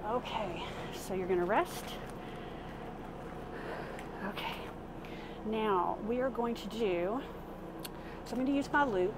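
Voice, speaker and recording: A woman with a slightly high voice leads a casual exercise demonstration. She gives informal instructions while moving through the exercises herself. The recording is made inside a small RV, with clearly audible vehicle-like background noise. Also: takes it slowly, pauses often. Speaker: fitness instructor. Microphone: camera a few steps away. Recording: clearly noisy vehicle interior sound.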